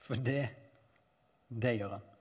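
A man teaching from the Bible in an easy, conversational sermon style, his pitch sitting at a middle level for a man. He speaks calmly and reflectively, and his phrases often sink into a softer, quieter finish. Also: big-room sound.

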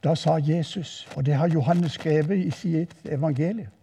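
An older man with a southern Norwegian accent preaches with lively storytelling in a mission hall. His voice sits high but sounds dark and mellow. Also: breathy edge. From southern Norway. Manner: lively storytelling, voice rising for quoted exclamations. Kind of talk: sermon.

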